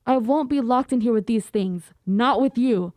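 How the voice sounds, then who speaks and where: A woman voicing a panicked, armed male researcher, reading a horror story aloud with raised, drawn-out demands. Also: fairly high pitch, a little mellow, dry recording, clean studio sound, natural voice.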